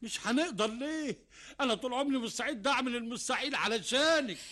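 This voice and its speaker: A man's voice: very high-pitched, fast, sharp tone. An actor with an Egyptian accent playing Shamis, a rich, devoted husband who pleads with his wife in a radio drama. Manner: pleading, eager, talks over his wife.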